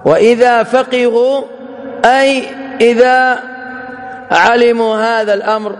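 A man teaching a religious lesson in a measured, explanatory way, spelling out each point with care. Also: sits high, big-room sound. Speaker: Islamic teacher.

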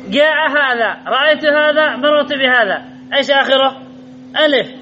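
High-voiced man drilling a grammar class. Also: normal speed, bright, forceful tone. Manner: drills points by asking students questions, then repeats the answers. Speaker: Arabic grammar teacher. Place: classroom with students. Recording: dull lo-fi recording with faint background noise.

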